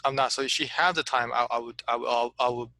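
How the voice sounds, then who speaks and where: This man's medium-pitched voice is pushed and bright, steady in tone and fast, with no echo in the recording. It's a casual consulting chat where he eagerly coaches an insurance agent, restarting often, repeating his opening words, and saying "to be honest with you."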